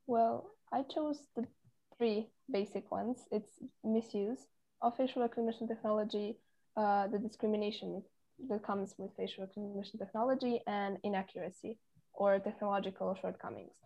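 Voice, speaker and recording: A woman's voice: mid-range voice, fairly even intonation, moderate pace, mellow, highs cut off. A teenage woman from Serbia, a committee chair answering interview questions with hesitant, filler-filled speech. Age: teens.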